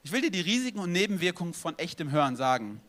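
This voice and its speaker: A pastor preaching a sermon, lively and direct, acting out prayers and dialogue as he speaks to his congregation. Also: high voice, fast talker.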